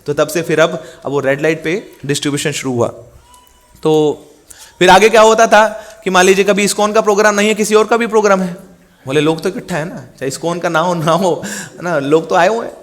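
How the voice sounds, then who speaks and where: A man's voice: high-pitched, steady tone, brisk. A man telling a story in a sermon, acting out the quoted dialogue. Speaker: preacher.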